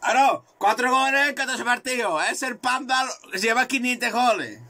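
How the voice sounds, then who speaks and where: A man commentating his own football video game, excitable and swearing, repeating words in rapid bursts. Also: very high-pitched. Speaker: gaming video creator.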